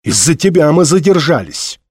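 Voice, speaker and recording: A man voicing an urgent young hero shouting orders. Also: on the high side, very animated, normal speed, slightly rough, no room sound, studio quality, pitched above the performer's own voice. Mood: stern. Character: brave young male leader, urgent and commanding.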